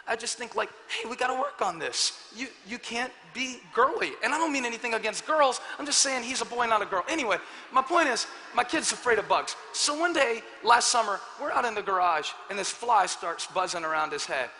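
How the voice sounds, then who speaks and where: A man in his thirties preaches from a large church stage in a high, very bright, cutting voice. He swings from joking asides to full shouts. The voice rings through a reverberant hall over a faint background hum. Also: fairly quick, few pauses. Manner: animated, building to shouts, self-deprecating asides. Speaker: pastor. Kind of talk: energetic sermon with personal storytelling.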